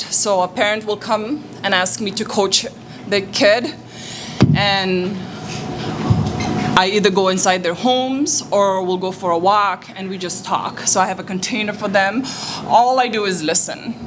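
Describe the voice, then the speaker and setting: A woman speaks gently to a group as a yoga instructor, calmly guiding them to close their eyes and notice their breath. Clear background noise runs underneath. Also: medium pitch. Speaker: yoga instructor and life coach. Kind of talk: guided breathing talk to youths.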